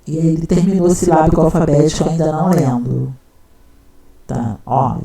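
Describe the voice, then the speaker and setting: Woman teacher, mellow tone, chatty explainer who keeps checking in. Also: low-pitched, steady tone, normal speed, gravelly. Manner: conversational, checks in with listener often. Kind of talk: casual explanatory talk.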